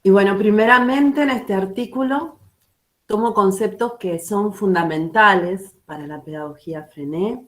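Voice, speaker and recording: Speaking with a Uruguayan Spanish accent at a medium pitch, a woman from Uruguay appears as a guest teacher at an online book launch. She is a schoolteacher and presents her work slowly and with care.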